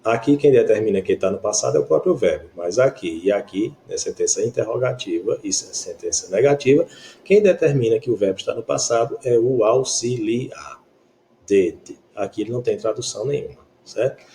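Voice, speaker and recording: Low, mellow Brazilian male teacher. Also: animated, fairly quick, gravelly, slight background noise. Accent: Brazilian Portuguese. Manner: patient, explanatory, often checks understanding with "né?" and "tá?". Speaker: English teacher. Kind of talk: grammar lesson explanation.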